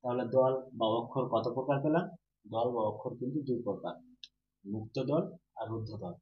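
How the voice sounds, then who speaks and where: A man's voice: mid-range voice, brisk. A male teacher giving a grammar lesson to students. He asks questions, answers them himself, and repeats each key term. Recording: roomy, dull, with faint hum.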